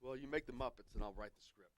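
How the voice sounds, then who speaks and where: A man with an American Midwest accent hosting a sports radio show while he has a cold, arguing his points in lively, joking banter. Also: medium pitch, fast talker, no echo. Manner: animated, argumentative, jokey.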